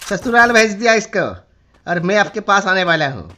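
A man's voice: sits high, expressive, normal speed. A man gamer pranking a stranger in voice chat, talking in a playful, teasing, flirty way. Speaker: gamer streamer. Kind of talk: prank voice chat in a shooter game. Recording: noisy game-chat audio.

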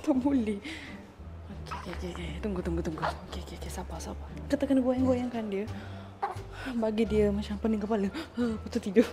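A woman's voice: medium pitch, fairly quick. A young woman with a Malaysian Malay accent, a mother chatting casually in a family vlog and soothing her baby. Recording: music playing over the talk.

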